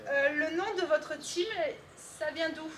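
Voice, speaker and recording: A woman's voice: high-pitched, slow, a bit bright. A woman in her twenties hosting a casual vlog interview outdoors by a pool, chatty and playful. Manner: playful, chatty, jokes around. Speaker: host. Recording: outdoor noise behind.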